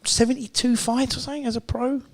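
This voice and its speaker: High-voiced man chatting. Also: little pitch movement. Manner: chatty, quick reactions and teasing. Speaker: podcast co-host. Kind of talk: casual chat.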